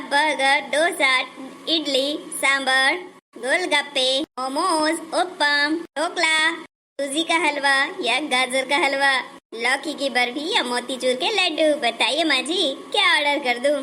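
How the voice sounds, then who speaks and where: A woman's voice: high-pitched, slow, sharp tone, slight background noise, full character voice. A woman voicing a carefree, modern young daughter-in-law in a cartoon, speaking breezily and mixing in English words. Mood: breezy. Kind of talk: Hindi cartoon dubbing.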